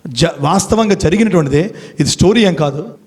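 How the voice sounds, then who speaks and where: A man giving an emphatic motivational speech, quizzing the audience with questions and slowing down to tell stories dramatically. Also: sits high, animated. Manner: slows down for dramatic storytelling. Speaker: motivational speaker. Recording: long hall reverb.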